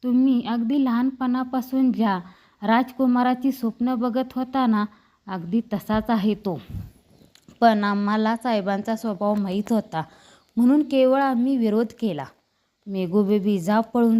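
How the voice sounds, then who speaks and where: A woman's voice: a little high, measured pace, warm tone, lightly acted. A woman voicing a caring, motherly older woman of the household who comforts the girl affectionately. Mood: soothing. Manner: soothing, affectionate.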